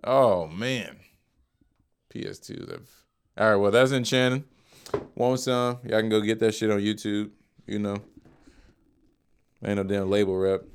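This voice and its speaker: A man's voice: fairly low pitch, fairly even intonation, moderate pace, long pauses, a little hiss or hum. A man co-hosting a casual show, reacting to music videos with loose, profane banter and laughter. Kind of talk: casual chat.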